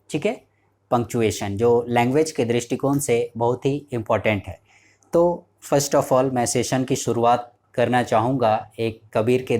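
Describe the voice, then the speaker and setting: Slow, patient male teacher. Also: mid-range voice, a little mellow. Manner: keeps checking in with students, explains step by step. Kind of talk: classroom lecture.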